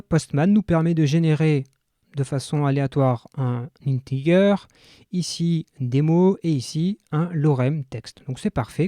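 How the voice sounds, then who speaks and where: A man's voice: fairly high pitch, dark tone, dry recording, studio quality. A man hosting a coding tutorial, explaining each step to viewers with frequent fillers. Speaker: developer tutorial host.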